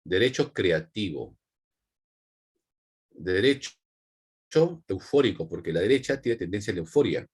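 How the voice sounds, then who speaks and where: Husky Peruvian man teaching online. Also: sits low, lively intonation, unhurried, pauses often, a little mellow. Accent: Peruvian Spanish. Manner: repetitive, asks for checks with "¿no?" and "¿ya?". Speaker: psychology teacher. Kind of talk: online class lecture.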